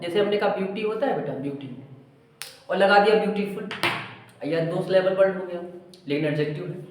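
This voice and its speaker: A high-voiced man teaches English grammar in a very echoey classroom, his voice booming from a mic some distance away. He explains slowly and patiently, asks the pupils questions, and repeats their answers.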